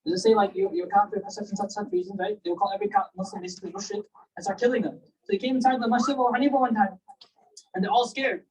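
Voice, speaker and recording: A man giving a casual, animated religious storytelling lecture, often checking in with his listeners. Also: high-pitched, very fast, breathy edge. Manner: animated, conversational, asks listeners "right?" and "you know?". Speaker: Islamic lecturer. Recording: distant mic, poor sound quality.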